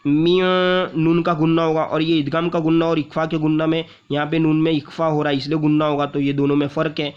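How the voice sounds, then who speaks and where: Patient man teaching recitation, slow and drawn-out. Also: a little high, little pitch movement, smooth. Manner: patient, repeats syllables and drags out long vowels while demonstrating. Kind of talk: explaining tajweed rules step by step. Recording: muffled lo-fi audio.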